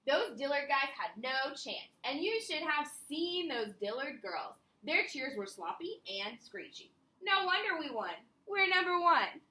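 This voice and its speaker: Woman playing boastful teen cheer captain, Valley Girl drawl, bright and high, in a roomy space. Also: very animated, measured pace, full character voice. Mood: gushing. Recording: echoey room.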